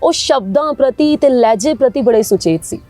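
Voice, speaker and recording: A woman's voice: fairly high pitch, animated, normal speed, mellow, no room sound, faint music behind. A woman in her thirties, a poet and writer, answering interview questions in a thoughtful, storytelling way. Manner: thoughtful, tells anecdotes at length.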